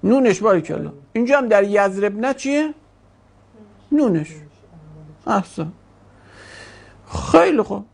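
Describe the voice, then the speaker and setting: Teacher, classroom grammar lesson, gravelly and expressive, quizzing style. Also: medium pitch. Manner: questioning, drawn-out explaining.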